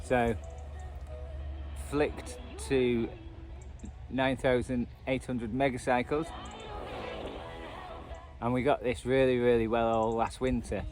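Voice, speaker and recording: A man with a mid-range, slightly mellow voice talks slowly and evenly, leaving long pauses, over soft background music. He's a radio hobbyist and video host offering casual, unscripted commentary that rambles and pokes fun at himself. The outdoor recording is noisy, full of radio static and traffic.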